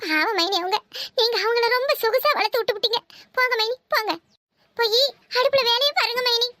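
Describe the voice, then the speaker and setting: A woman's voice: very high-pitched, pushed and bright, no room sound, studio quality. A woman voicing a scheming, bossy young married woman in a cartoon, talking with a Kanyakumari Tamil accent. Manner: bossy, scolding, fast chatter. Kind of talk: cartoon voice acting.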